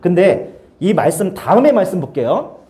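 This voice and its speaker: A man preaching a lively youth sermon in a church, telling the story with sound effects and acted-out lines. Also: high voice, normal speed. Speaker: youth pastor.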